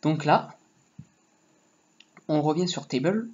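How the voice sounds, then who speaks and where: A man's voice: on the high side, takes it slowly. Male tutor, casual and rambling, drawling through a coding lesson, muffled home mic with keys clacking. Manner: rambling, joking asides, talks while typing. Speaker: HTML tutorial teacher. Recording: dull lo-fi mic with faint noise. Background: keyboard typing.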